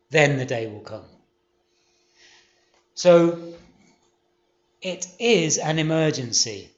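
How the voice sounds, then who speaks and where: Emphatic preacher, high voice. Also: male voice. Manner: emphatic, with rhetorical questions and humour. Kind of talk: sermon. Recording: roomy, slightly dull sound.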